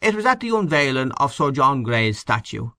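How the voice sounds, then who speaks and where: A man's voice: mid-range voice, very animated, normal speed, bright, forceful tone, no room sound, studio quality, pitched above the performer's own voice. A man voicing a blustering, opinionated Irish husband in an audiobook, with a blunt manner. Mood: reminiscing. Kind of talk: audiobook character acting.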